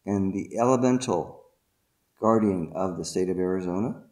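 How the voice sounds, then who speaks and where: A man leading a guided meditation and spiritual invocation in a deliberate, ceremonial manner, in short separated phrases. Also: low-pitched, darkish tone.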